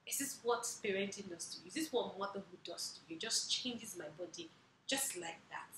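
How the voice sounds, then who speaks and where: A young adult woman hosting a casual personal vlog, telling stories in a chatty, expressive way. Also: mid-range voice, a little fast, slight background noise. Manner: chatty and expressive, recounting with emotion and laughter. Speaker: vlog host. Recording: roomy echoey room.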